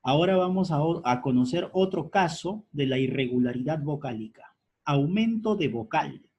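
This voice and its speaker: A man teaching a grammar lesson at a board, spelling out letters and repeating key words deliberately. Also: fairly high pitch, animated, a little mellow, muffled recording, a little hiss or hum.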